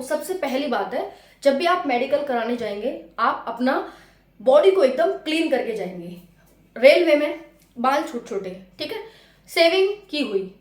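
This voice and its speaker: This woman's voice is high and sounds roomy as she gives exam candidates relaxed, chatty coaching. Treating her viewers like friends, she goes over her points more than once in a classroom-style explanation.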